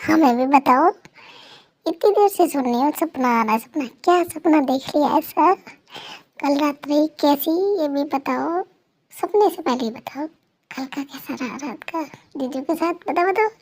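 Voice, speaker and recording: A high-voiced, playful young woman friend, played by a woman in a fan story role-play. She teases constantly, in a light and cheeky way. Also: moderate pace. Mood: teasing. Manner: teasing.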